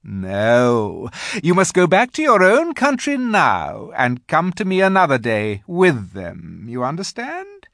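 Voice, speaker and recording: A reader voicing an imperious, scheming witch queen from a children's storybook, sweet-talking in grand, drawn-out phrases. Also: medium pitch, wildly swooping pitch, gravelly, fairly bright tone, no echo, studio quality, pitched above the performer's own voice, heavily acted. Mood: commanding, coaxing.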